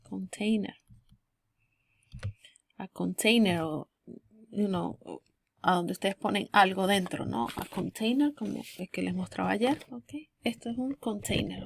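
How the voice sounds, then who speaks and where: Woman teacher, slow and patient, gravelly voice. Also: medium pitch, no room sound, studio quality. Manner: slow, repeats phrases with frequent "ok?" checks. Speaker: English teacher. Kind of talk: beginner English lesson.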